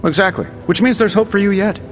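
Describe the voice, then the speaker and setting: An American man playing a cocky, sarcastic superhero inventor with glib, quick-witted banter in a video game. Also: sits high, close to an everyday voice. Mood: glib, self-mocking. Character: cocky, wisecracking male superhero inventor in armour. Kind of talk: video game dialogue acting. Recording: dull game audio with music behind.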